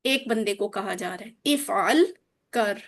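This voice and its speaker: A woman teacher giving a grammar lesson over a video link, drilling forms with slow, patient repetition. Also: medium pitch, a bit bright. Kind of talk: online Arabic grammar lesson.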